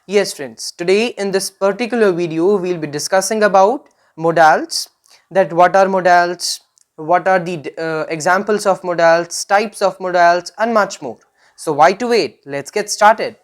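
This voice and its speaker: An Indian English woman teaches grammar from slides at a very slow, deliberate pace. She moves back and forth between Hindi and English. She often pauses to check in with "right?" or "fine". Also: on the low side. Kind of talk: slide-based grammar lesson.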